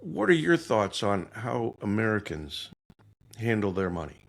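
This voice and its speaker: A man's voice: fairly low pitch, big pitch swings, unhurried, vocal fry. A man hosting a casual podcast interview, welcoming his guest and asking questions in an easygoing, conversational way. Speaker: podcast host.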